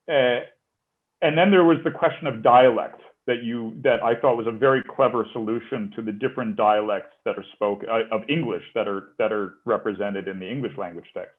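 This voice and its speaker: A man moderating an interview, rambling and repeating words as he forms his questions. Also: medium pitch. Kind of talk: conversational interview. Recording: tinny phone-like line.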